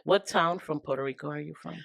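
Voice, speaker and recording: A woman's voice: low-pitched, fast, vocal fry, a bit bright. A woman hosting a casual radio interview, chatty, laughing often and filling in with small agreeing sounds. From Rochester, New York. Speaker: radio host.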